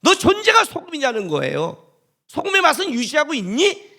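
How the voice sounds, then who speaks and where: Male pastor, high bright voice, animated and jokey, preaching in casual spoken language. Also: moderate pace, vocal fry. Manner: animated, joking, colloquial storytelling with acted quotes. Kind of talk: sermon.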